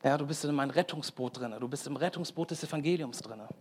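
A man preaching a sermon to a congregation, energetic and emphatic, putting direct questions to the listeners. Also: on the high side, quick pace, husky. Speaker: lay preacher. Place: church hall with congregation.

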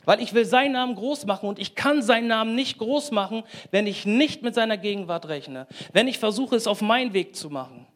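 A man preaching a sermon to a congregation, energetic and emphatic, putting direct questions to the listeners. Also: high-pitched. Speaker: lay preacher. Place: church hall with congregation.

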